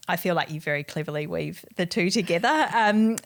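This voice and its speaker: A woman's voice: lowish voice, brisk, vocal fry. A woman hosting a casual interview, reflective and agreeable. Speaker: podcast host.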